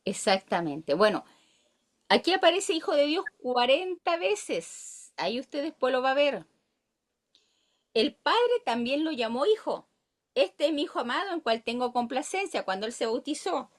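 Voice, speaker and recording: Animated Chilean woman teaching scripture. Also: high-pitched, measured pace. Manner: animated, asks the listeners questions and reads verses aloud. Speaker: Bible teacher. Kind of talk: Bible study teaching.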